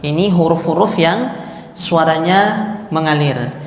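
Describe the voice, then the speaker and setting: A man's voice: on the high side, slow pace, echoey room, in a large hall, faint music behind. A man teaching Quran recitation, patiently explaining and demonstrating how each letter should sound. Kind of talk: tahsin lesson on letter articulation. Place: mosque.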